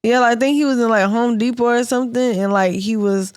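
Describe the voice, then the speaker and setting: A woman's voice: fairly high pitch, fairly even intonation, brisk, clear, resonant tone, no echo, studio quality. Laughing woman telling stories casually. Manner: storytelling, laughs while talking. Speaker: podcast co-host. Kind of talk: casual chat.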